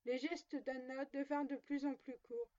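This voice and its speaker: A woman narrating a chapter of an audiobook in a steady storytelling reading. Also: sits high, normal speed. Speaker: audiobook reader. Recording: dull lo-fi recording.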